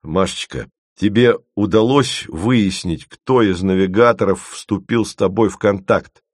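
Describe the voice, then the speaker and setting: A man reading an audiobook, voicing a grumbling, thoughtful senior male investigator in a firm, measured way. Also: fairly low pitch, no room sound, clean studio sound.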